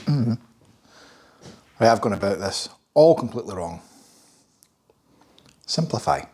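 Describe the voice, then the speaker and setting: Man, lowish voice, solo garage build vlog, muttering, wry. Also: lively intonation, unhurried, a little mellow, husky. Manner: muttering, self-deprecating, swears under breath. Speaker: kit car builder. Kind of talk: workshop build vlog, thinking aloud. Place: home garage workshop.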